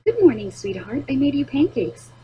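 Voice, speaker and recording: A woman voicing a falsely cheerful, scheming mother in an animated story, sweet and cheery. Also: high-pitched, moderate pace, muffled recording, slight background noise, pitched above the performer's own voice.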